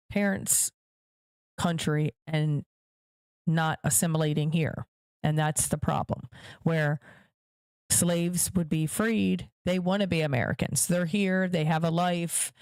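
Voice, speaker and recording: Speaking straight to her viewers, a podcast host offers emphatic political commentary and repeats points to drive them home. Her voice is low, a little mellow and clean in tone, with no echo.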